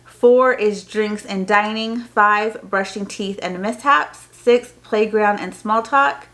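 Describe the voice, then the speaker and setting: Taking it slowly, a woman with a mid-range, fairly bright voice unboxes items for her vlog as a homeschooling parent. Her explanations are informal and chatty, and she reads printed parts aloud as she goes.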